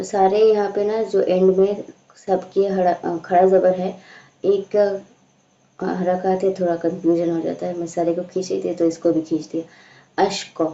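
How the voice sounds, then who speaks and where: A woman teaching a slow, patient recitation lesson, explaining each sound and stretching out the recited words. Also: on the low side, warm tone. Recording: echoey room, dull lo-fi sound.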